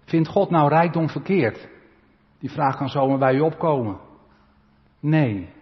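Dutch pastor preaching in a reverberant church. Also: male voice, fairly high pitch, expressive, unhurried, highs cut off. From Netherlands. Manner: preaches with sudden loud swells and quiet asides, often adding "hè?". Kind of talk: sermon.

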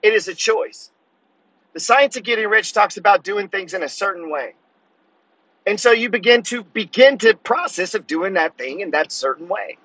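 Man, 50s, podcast host, profane and preachy, high husky voice. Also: expressive, moderate pace, fairly bright tone, dry recording, rough recording. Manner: blunt, cursing, preachy. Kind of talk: profane motivational monologue.

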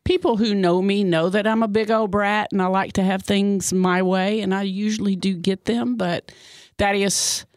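A woman in her 60s hosts a casual radio talk show, chatty and bubbly with lots of fillers. Her medium-pitched voice is steady and moderately paced, captured dry on a studio mic.

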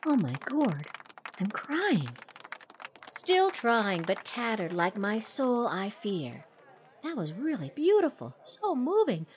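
A woman's voice: on the high side, huge pitch swings, takes it slowly, heavily acted. A woman playing a flustered, easily moved woman gardener who mutters fussy asides in a comic audio play. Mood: gushing.

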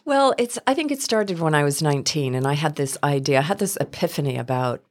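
A woman's voice: deep voice, expressive, quick pace. A woman speaking as an interview guest, telling her own story in a reflective, conversational way. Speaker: interview guest, business founder.

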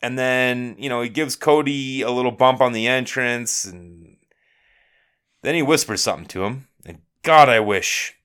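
A man's voice: medium pitch, moderate pace, a bit bright, smooth. A man co-hosting a podcast, ranting heatedly and swearing as he recaps a show. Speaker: podcast co-host. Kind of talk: casual chat.

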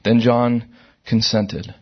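A middle-aged man preaching a sermon to a church service, conversational and animated, with sudden loud outbursts. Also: medium pitch, slow pace, muffled recording. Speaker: pastor.

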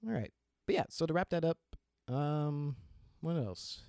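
A young man hosting his own podcast, ranting with big laughing outbursts and quiet sincere asides into a close mic. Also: fairly high pitch, unhurried, clean tone, no room sound. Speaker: podcast host. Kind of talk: solo podcast rant.

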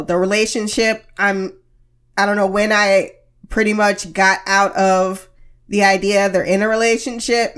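An American woman hosting a casual TV review podcast, candid and wry, sounding under the weather and heavily medicated. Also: mid-range voice. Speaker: podcast host.

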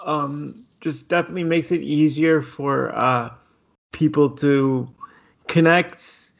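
A man's voice: on the high side, fairly even intonation, takes it slowly, gravelly, muffled recording. A man hosting a podcast, asking questions over a video call, hesitant with many restarts and fillers. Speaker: podcast host.

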